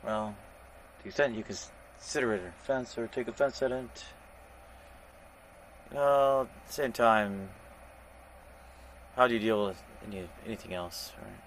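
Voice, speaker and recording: Wry man over faint background noise. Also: lowish voice. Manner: slow-starting, wry, droll. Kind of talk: casual chat.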